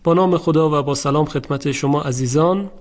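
Male recitation teacher, somewhat high-pitched, measured and patient, slows down to show each word. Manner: measured, repeats words slowly to demonstrate. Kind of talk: recitation lesson, explaining rules and chanting verses.

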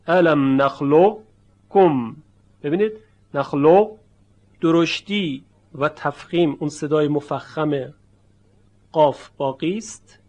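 A man with a slightly raised pitch teaches a Quran recitation lesson. He explains each rule step by step, then stretches out the example words slowly and with emphasis so the sounds come through clearly. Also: darkish tone. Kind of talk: tajweed lesson.

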